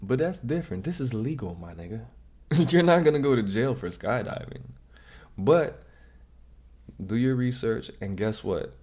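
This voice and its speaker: A man's voice: medium pitch, lively intonation, moderate pace, a little mellow, slightly rough. A man hosting a casual reaction vlog, giving direct, slangy advice and often repeating himself. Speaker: vlog host.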